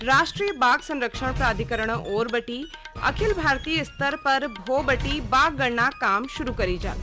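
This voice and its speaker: A fairly high-pitched woman with a Kumaoni accent presents a scripted regional news bulletin for radio. Her announcer's delivery is formal and measured.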